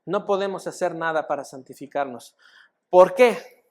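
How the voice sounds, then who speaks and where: A man's voice: on the high side, moderate pace. A man with a Mexican Spanish accent, pastor of a church, preaching a sermon and putting many questions to the congregation. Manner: preaching, rising loud then dropping to soft. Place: church sanctuary.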